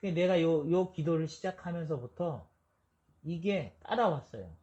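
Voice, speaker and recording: A man's voice: a little high, lively intonation, measured pace, dark tone. Man, pastor, conversational sermon, blunt and informal, muffled lo-fi recording. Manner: conversational preaching, mixing formal and blunt speech.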